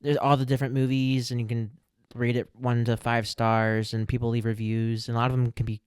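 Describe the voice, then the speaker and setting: Young man, podcast co-host, casual chat, animated, laughs easily, dry close recording. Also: medium pitch, fairly quick, smooth, no room sound.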